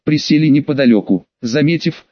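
A man narrating an audiobook in the first person, reading in a calm, even way. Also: a little high, brisk, no echo. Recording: dry, slightly dull recording.

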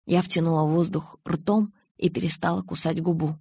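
A woman narrating an audiobook in the first person, with a lively, expressive way of reading the dialogue. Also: on the low side, moderate pace, vocal fry, husky, no echo.

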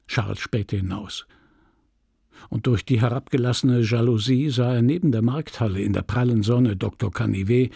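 A man reading a literary novel aloud as an audiobook, measured and expressive. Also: medium pitch, no echo, studio quality. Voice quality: gravelly, husky. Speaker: audiobook reader.

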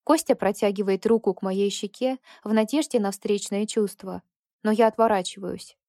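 A woman narrating a first-person story for an audiobook in a measured, intimate way. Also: mid-range voice, warm tone, no echo, clean studio sound.

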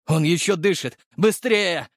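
A man playing a frantic shouting police officer. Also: mid-range voice, lively intonation, normal speed, no room sound, clean studio sound, natural voice. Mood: panicked shouting. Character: panicking male police officer, loud and frantic.

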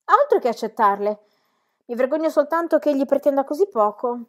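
A woman's voice: sits high, animated, fairly quick, a bit bright, voice pushed up. Woman reading as a blunt sardonic father. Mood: exasperated. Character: blunt sardonic middle-aged gentleman father. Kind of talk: audiobook character reading.

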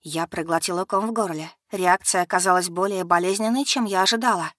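A woman narrating a first-person novel in a measured, expressive reading. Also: fairly low pitch, no echo, clean studio sound. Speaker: audiobook narrator.

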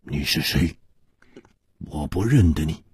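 A man voicing a proud, guarded masked man who speaks in a hoarse, curt way, in a storytelling performance. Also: extremely low pitch, expressive, slow pace, no room sound, studio quality, voice pushed down, exaggerated voice.

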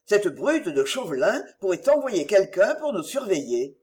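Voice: mid-range voice, sing-song, unhurried, a little mellow. A reader voicing a dashing nobleman who talks in a breezy, teasing, flippant way in an audiobook. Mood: jaunty. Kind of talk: audiobook reading.

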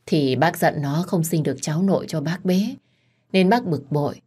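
A woman voicing a gruff but kind older mother-in-law who scolds and soothes. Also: deep voice, animated, normal speed, mellow. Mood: gruff, soothing.

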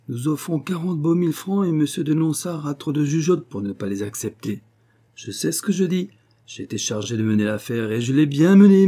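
A man's voice: fairly high pitch, warm tone, pitched above the performer's own voice. A man reading aloud, voicing a brash, tipsy young clerk who boasts at a dinner table. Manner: cocky, swaggering.

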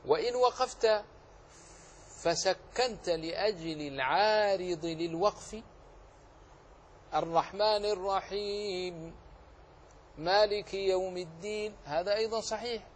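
A man's voice: high voice, a little slow, slight background noise. A man teaching a tajweed lesson who explains each rule and then recites the correct form as an example.

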